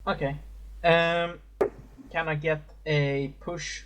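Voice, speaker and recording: A man narrating as game master in a casual tabletop session, speaking haltingly with many fillers and restarts. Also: fairly high pitch, level tone, background noise.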